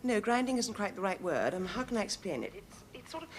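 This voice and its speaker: An actress playing a prim, pompous, fussy suburban wife, in the stiffly formal manner of a 1970s sitcom. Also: female voice, medium pitch, sing-song, fast talker, a little hiss or hum. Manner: stiffly formal, easily affronted.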